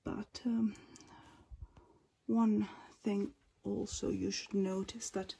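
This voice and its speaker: A woman from Finland gives an easygoing narrated tour of her collection at the display cabinets in her home. Her husky, whispery voice is medium-pitched and level in tone, and she speaks softly and slowly, often whispering, with lots of ums.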